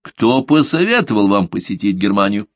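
A man's voice: fairly low pitch, very animated, moderate pace, no room sound, studio quality. A man voicing a stern male inquisitor who questions coldly and probingly in an audiobook. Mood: interrogating. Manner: cold probing interrogation. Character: stern grim male inquisitor, older cleric. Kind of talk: audiobook character reading.

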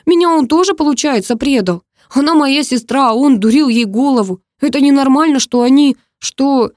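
A woman's voice: on the high side, animated, normal speed, no echo, studio quality. A woman voicing a hot-headed young adult brother who speaks in agitated bursts, in a novel reading. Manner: agitated, shouting.

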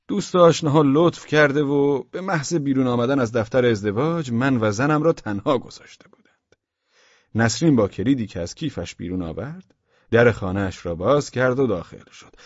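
Man, audiobook narrator, husky, wry comic storytelling, dull dry studio sound. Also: medium pitch, no echo.

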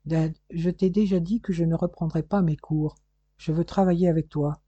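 A man voicing a cheeky, eager young adult son in an audiobook, read in a light, lively way. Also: a little high, normal speed, dry recording, muffled recording, natural voice.

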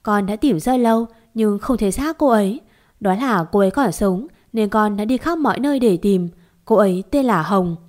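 A woman's voice: mid-range voice, normal speed, darkish tone, close to an everyday voice. A woman voicing an earnest young man who pleads and stammers as he searches for his lost love.

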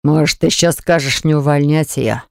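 An audiobook narrator voicing a smug, scornful man who gloats and yells when pinned down, in a smooth voice. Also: medium pitch, brisk, dry recording, studio quality, lightly acted. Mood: sneering.

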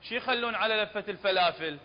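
A man with an Iraqi Arabic accent teaching the rules of Quran recitation in a fairly high voice. He explains patiently and keeps checking whether his listeners follow. The recording is dull and lo-fi, with a long reverb tail. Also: fast. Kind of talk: religious lesson on recitation rules.

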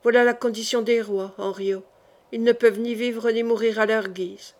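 Woman reading dying king, weary, remorseful, soft low confiding voice, audiobook. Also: steady tone, normal speed, close to an everyday voice. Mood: sorrowful.

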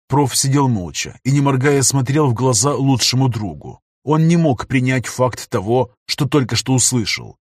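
Husky male audiobook narrator. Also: mid-range voice, animated, normal speed, hardly any pauses, dry recording, clean studio sound. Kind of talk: scripted narration.

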